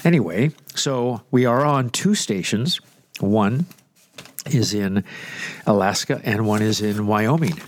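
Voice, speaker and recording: Speaking slowly but animatedly in a low voice with no echo, a pastor with a blocked-up nose hosts casual, unscripted radio chat. He wanders from topic to topic and pokes fun at himself.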